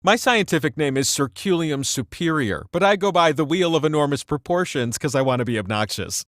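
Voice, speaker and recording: The Wheel of Enormous Proportions, swooping high-pitched game host. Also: male voice, expressive, fairly quick, fairly bright tone, no room sound, studio quality. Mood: wry, mock-grand. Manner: playfully sarcastic, theatrical, mock-grand. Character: giant talking trivia wheel, cheeky, vain, theatrical game host. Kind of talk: comedic game show hosting.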